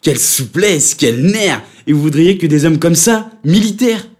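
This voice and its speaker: A man's voice: normal speed, a little mellow, natural voice. A man voicing a pompous, fussy, patriotic older teacher in an audiobook reading. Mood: eager. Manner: fussy, preening, shrill when roused.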